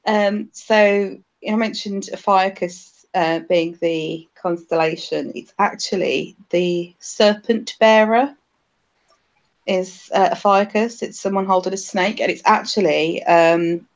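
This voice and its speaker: A woman's voice: medium pitch, fairly even intonation, takes it slowly, lo-fi sound. A woman with a Birmingham English accent who drops her T's into glottal stops, chatting casually as a podcast panelist. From Birmingham, England. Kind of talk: casual chat.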